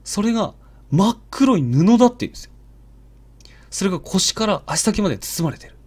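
A man narrating a ghost story in a hushed, dramatic storytelling manner. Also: high-pitched, very animated, fairly quick, slightly rough. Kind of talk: live ghost story telling.

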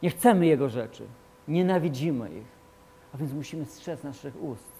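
A man preaching a sermon as pastor, emphatic and repetitive, swinging between loud declarations and quiet asides. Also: fairly high pitch, lively intonation, normal speed, breathy edge.

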